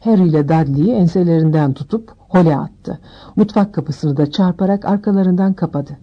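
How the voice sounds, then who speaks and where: Woman reading an audiobook, low voice. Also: breathy edge, lo-fi sound. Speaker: audiobook narrator.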